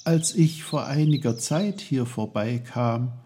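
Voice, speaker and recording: A man's voice: medium pitch, slow, dark tone, slight background noise, voice pushed up, natural voice. A man voicing Peter, a curious young boy who asks eager questions. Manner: eager, wondering.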